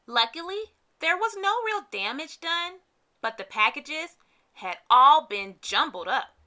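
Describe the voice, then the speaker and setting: Female storybook reader for kids: very bright, animated pitch, dramatic emphasis. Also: a little slow. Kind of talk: read-aloud scripted narration for kids.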